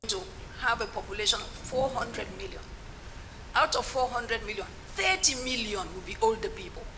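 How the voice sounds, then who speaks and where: Bright, emphatic Nigerian woman giving a speech. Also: on the high side, expressive, normal speed, rough recording. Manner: emphatic, repeats phrases, rhetorical questions. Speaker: agency director giving a speech. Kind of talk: advocacy speech. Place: public forum. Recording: faint event background noise.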